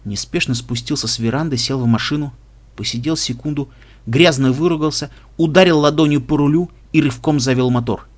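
A man narrating an audiobook in a steady, even storytelling manner. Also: a little high, fairly quick.

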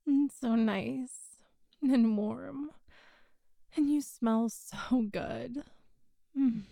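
A woman murmurs close to the mic in a soft, coaxing hush, her high voice lingering over every word at a very slow pace. A gentle vocal fry runs through her warm, mellow tone, and the recording is dry, with no room sound. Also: no room sound. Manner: soft, hushed and coaxing, partly whispered. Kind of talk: intimate audio roleplay.

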